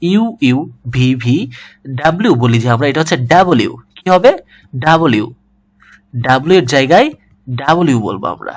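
A man teaching a pronunciation lesson, asking questions and repeating each word. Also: a little high. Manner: drills words by asking and repeating them.

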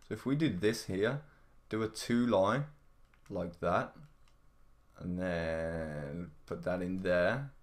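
A man hosting a gaming livestream, giving casual running commentary in an excitable way, often repeating his phrases and exclaiming. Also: lowish voice. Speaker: livestream gamer, host. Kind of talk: live gameplay commentary, casual.

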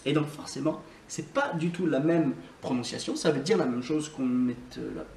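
A man giving a casual video lesson as an English teacher, hesitant with many fillers and slowly repeated words. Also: on the high side, creaky, darkish tone, far from the mic. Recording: roomy echo, voice off-mic, faint noise.

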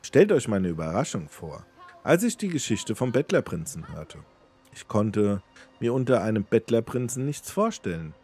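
A low-pitched man reading an in-game book aloud for a let's play, his delivery lively and expressive with casual asides. His voice is dark and slightly husky, and faint game music plays beneath it. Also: moderate pace. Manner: expressive storytelling with offhand asides.

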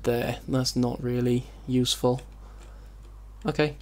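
Slow-paced man rambling through game commentary. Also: mid-range voice, flat delivery. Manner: rambling, thinking aloud, self-interrupting. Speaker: let's play host. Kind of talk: casual gameplay commentary. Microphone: compressed desktop microphone, voice-over. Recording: faint room noise, keyboard typing, compressed mic. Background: keyboard typing and background noise.

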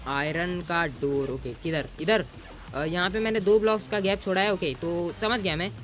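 Gamer guy, casual commentary, bossy and teasing, pitched high, faint music under him. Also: fairly even intonation, normal speed. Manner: bossy and teasing, mixes in English exclamations. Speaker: gaming YouTuber.

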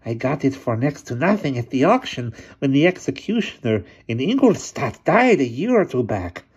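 A man voicing an ancient, sly hunchback servant who talks slowly and ingratiatingly, on a dull lo-fi recording. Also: medium pitch, big pitch swings, darkish tone, breathy edge, pitched above the performer's own voice. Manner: slow, creeping, ingratiating.

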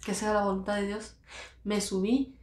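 A woman's voice: medium pitch, little pitch movement, moderate pace, a little mellow. A woman earnestly telling her own life story, repeating phrases for emphasis and acting out what others said. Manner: earnest, repeats phrases, acts out quoted voices. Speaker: vlogger recounting her own experience. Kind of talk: emotional personal storytelling. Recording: roomy echo.

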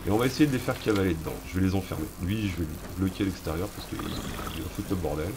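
A man's voice: low-pitched, quick pace, very noisy. A man giving casual let's-play commentary as a streamer, chatty, slangy and joking as he addresses his viewers. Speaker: gaming streamer. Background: game music.

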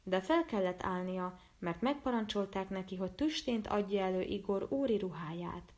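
Woman reading a children's story, even and measured. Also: mid-range voice. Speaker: storyteller and illustrator. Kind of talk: storybook narration.

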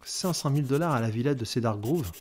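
A man's voice: medium pitch, quick pace. A man giving casual, joking gameplay commentary as a let's player, talking to the character he controls. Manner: animated, joking, talks to the game character. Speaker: video game let's player. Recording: commentary over loud game noise. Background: game sound effects, sirens and vehicles.

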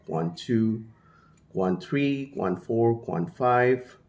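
This vlogger, a Hindi-speaking Indian man in his thirties, chats loosely to camera in a small home room, full of fillers and false starts. His medium-pitched, darkish voice swings widely in pitch, stretches out words and has a creaky edge. One hand gestures while the other keeps a mini mic at his lips.

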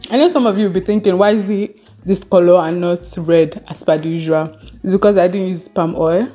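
A woman's voice: lowish voice, fairly even intonation, brisk, dark tone, faint music behind. A young woman, telling a casual story to her channel while eating on camera. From Nigeria. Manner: chatty, laughing, eating on camera. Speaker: vlogger.

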